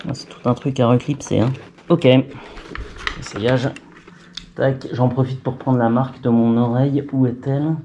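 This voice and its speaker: A man's voice: mid-range voice, fairly even intonation, moderate pace, mellow, slight background noise. A man talking casually to himself as he fits a headset into a helmet, muttering and joking at his own expense. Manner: chatty, muttering to himself, self-mocking. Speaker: vlogger fitting a helmet intercom. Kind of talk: casual talk to camera while working.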